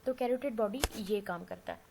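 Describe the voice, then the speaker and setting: A woman with a creaky, mid-range voice and a sore throat speaks at a normal pace in a recorded anatomy class. She explains patiently, mixes English medical terms into her speech and often checks in with "theek hai," against faint background noise.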